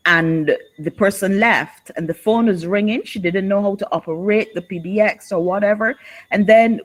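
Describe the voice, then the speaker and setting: A woman from Barbados with a Barbadian accent, reporting back to a workshop group in an unhurried, expressive storytelling manner. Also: mid-range voice, rough recording. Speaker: workshop participant.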